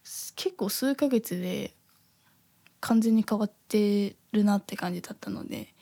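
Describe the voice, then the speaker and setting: Soft, mellow-voiced young woman chatting. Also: medium pitch, normal speed, no room sound. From Osaka, Japan. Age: 20s. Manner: soft-spoken, filler-heavy, laughs often. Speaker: podcast host reading listener messages. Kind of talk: casual podcast chat.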